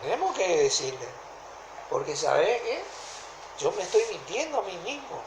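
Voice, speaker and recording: A woman with a Rioplatense Argentine accent preaching a sermon in a deliberate way, often stopping to ask whether listeners follow. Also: on the low side, very animated, noisy background. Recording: echoey room.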